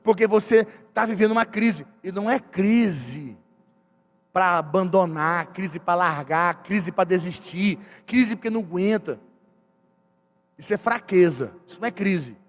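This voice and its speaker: A man's voice: sits high, measured pace. A pastor preaching a sermon, telling a story about his wife and father-in-law and acting out everyone's lines. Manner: retells family conversations, acting out each person's lines. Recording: long hall reverb.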